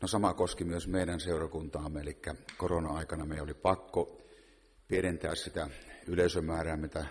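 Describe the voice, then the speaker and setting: A man's voice: extremely low pitch, little pitch movement. A man from a visiting choir, talking in a joking, rambling way at a church service. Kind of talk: humorous talk at a church service. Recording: reverberant church hall with faint noise.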